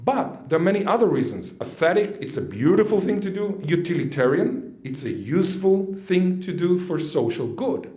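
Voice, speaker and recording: Very animated and rarely pausing, this conference lecturer, raised in Israel, jokes and chats with his audience in a reverberant lecture hall. His voice sits high with a darkish tone, moving at a moderate pace.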